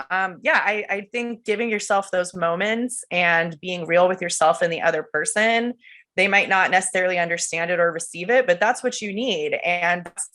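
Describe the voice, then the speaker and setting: A woman's voice: on the low side, a bit bright. A woman guest talking casually and thoughtfully, full of "you know" and "like". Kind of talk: casual chat.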